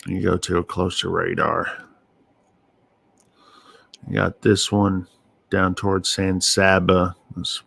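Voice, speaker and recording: A man giving casual live weather radar commentary as an amateur streamer, thinking aloud in short, halting phrases. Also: low voice, gravelly, a bit bright, no room sound. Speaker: amateur storm-watching livestream host.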